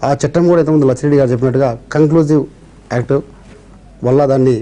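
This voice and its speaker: A man's voice: mid-range voice, fairly even intonation, racing, dark tone. A man with a Telugu accent, a revenue officials' representative on a TV debate, explaining measuredly and citing laws and history.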